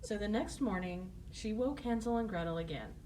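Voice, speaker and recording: Lively woman telling a fairy tale opening. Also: medium pitch, moderate pace, distant mic, slight background noise, rough recording. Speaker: storyteller. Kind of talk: fairy tale opening, scripted children's storytelling narration.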